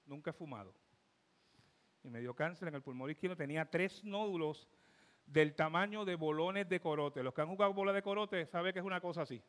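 Animated Puerto Rican preacher man, fifties. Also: fairly high pitch, fairly quick. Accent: Puerto Rican Spanish. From Puerto Rico. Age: 50s. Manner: animated storytelling, swinging from loud to hushed. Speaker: pastor. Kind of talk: sermon testimony.

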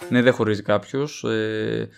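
A young man from Greece, a stand-up comedian hosting his podcast in a joking, animated monologue. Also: creaky, clear, resonant tone, faint music behind. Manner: joking, animated, with sudden jumps in pitch.

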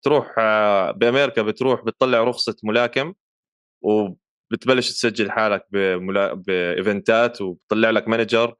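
A man with a Levantine Arabic accent talks quickly in a smooth, resonant voice, recorded close and dry. He explains his points conversationally as a podcast co-host, mixing in English terms. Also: fairly low pitch, fairly even intonation, fairly bright tone, no room sound, highs cut off. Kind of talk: casual chat, explaining.

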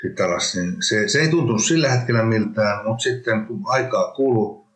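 Low-voiced man, halting, in an echoey room. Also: fairly bright tone. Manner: rambling, halting, with many restarts. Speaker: interview guest, former professional hockey player. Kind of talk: casual interview. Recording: roomy echo.

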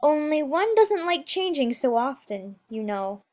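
A man's voice: very high voice, big pitch swings, measured pace, darkish tone, pitched above the performer's own voice, full character voice. A man voicing a polite, timid, easily flustered young girl in a storybook, speaking earnestly and plaintively. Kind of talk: storybook character voice.

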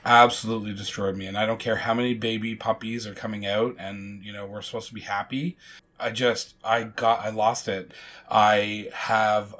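A man's voice: lowish voice, flat delivery, normal speed, a bit bright. A man co-hosting a podcast, talking casually and candidly about films, open about his emotions. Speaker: podcast co-host. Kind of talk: casual film discussion.

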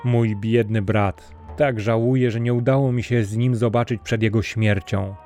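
A man's voice: medium pitch, steady tone, normal speed, mellow, faint music behind, natural voice. A man voicing a scheming sorcerer who poses as a kindly uncle, speaking in a sweet, sly way in a storybook reading.

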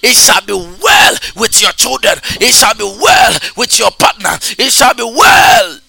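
A man leading a fervent prayer, chanting repeated declarations that build into shouts. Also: extremely high pitch, big pitch swings, unhurried, vocal fry, breathy edge, no room sound. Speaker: preacher. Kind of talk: fervent prayer with speaking in tongues.

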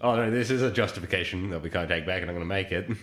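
Teasing low-voiced young man. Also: very fast, fairly bright tone, a little hiss or hum. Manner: teasing, pushy. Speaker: podcast co-host. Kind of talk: casual chat.

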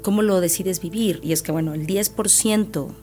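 A woman hosting a podcast interview, empathetic, calmly explaining her ideas to her guest. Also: on the low side, normal speed, soft background music. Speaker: podcast host. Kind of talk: conversational interviewing.

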